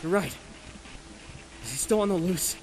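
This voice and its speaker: A man's voice: high voice, animated, normal speed, noisy background. An actor playing a wounded male sheriff, speaking in urgent, clipped radio talk in video game dialogue. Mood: weary. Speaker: sheriff character.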